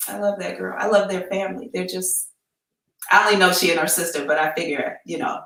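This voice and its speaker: A woman's voice: lowish voice, steady tone, fairly quick, vocal fry, fairly bright tone. An American woman talking casually and candidly on a live stream as a psychic reader, with slangy, informal phrasing, in an empty room. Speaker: psychic reader hosting a live advice show. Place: emptied-out room indoors. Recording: echoey empty room, distant mic.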